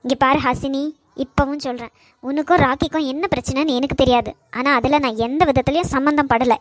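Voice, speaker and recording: A woman voicing a calm senior college girl. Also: high voice, fairly quick, no room sound, lightly acted. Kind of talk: Tamil cartoon voice acting.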